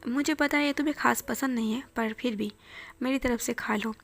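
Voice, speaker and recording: A woman voicing a calm, knowing middle-aged mother who speaks in a measured way, with faint music behind. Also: a little high. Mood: gentle.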